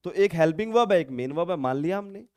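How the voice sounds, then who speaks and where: A man with a high voice teaches English grammar to the camera, going step by step and stopping to ask the viewer questions. He acts out insistent, emphatic replies to show how the words are stressed. The sound is dry and close, with no room around it. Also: lively intonation, fast talker, darkish tone, no echo. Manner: explains step by step, asking the viewer rhetorical questions. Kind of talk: classroom-style grammar lesson.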